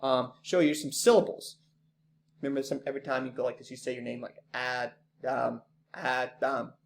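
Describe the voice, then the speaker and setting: A man teaching an online class, talking casually with many ums and quick apologies for slips. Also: medium pitch, creaky, a little mellow.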